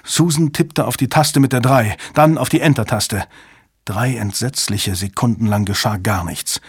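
Male audiobook narrator, husky, dry studio sound. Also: mid-range voice, moderate pace, no room sound. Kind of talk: scripted narration.

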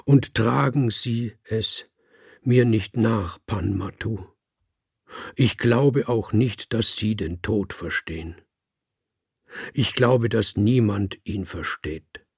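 A man voicing an old male circus ape who despairs and bellows his refusal, with a gravelly, husky voice. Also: fairly low pitch, slow pace, a little mellow, dry recording, studio quality, heavily acted. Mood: weary.

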